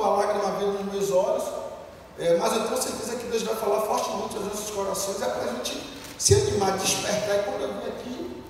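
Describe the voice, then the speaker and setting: Brazilian male preacher, fervent and rousing, very high-pitched, recorded from far off in a big echoey hall. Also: slight background noise. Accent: Brazilian Portuguese. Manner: fervent, leads call-and-response, bursts into shouts. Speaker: pastor. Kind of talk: lively sermon. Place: church hall.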